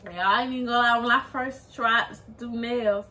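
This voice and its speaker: A woman's voice: fairly high pitch, steady tone, a little fast, bright, forceful tone. A young woman in her teens chatting casually as a co-host on a vlog. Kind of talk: casual chat. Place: indoors, small room at home. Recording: faint background noise indoors.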